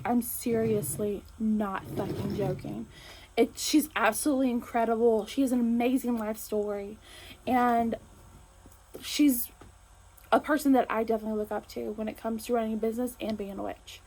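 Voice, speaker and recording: Chatty enthusiastic woman host, slightly high. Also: darkish tone, poor audio. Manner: enthusiastic, chatty, frequent fillers. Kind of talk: casual chat to camera.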